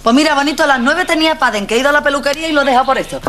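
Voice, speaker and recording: A middle-aged actress playing a brash, bossy, quick-tempered working-class mother in a sitcom. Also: high-pitched. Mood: complaining. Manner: bossy, scolding, loud and blunt. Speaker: mother of the family. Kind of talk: sitcom acting.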